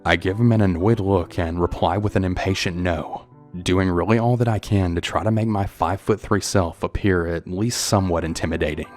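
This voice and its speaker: A man with a deep, low voice narrates a true horror story in the first person, in a scripted style. His telling stays tense and steady, with faint music playing behind him. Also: fairly quick.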